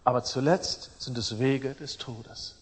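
A man preaching a sermon emphatically, swinging between loud declarations and quiet, pointed asides. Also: medium pitch, fairly even intonation, unhurried, breathy edge, big-room sound.

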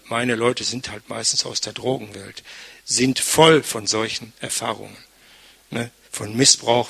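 A man's voice: medium pitch, creaky, sharp tone, breathy edge. An older man, a pastor, preaching a conversational sermon, frequently tagging his sentences with "ne?". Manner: chatty, frequent tag "ne?".

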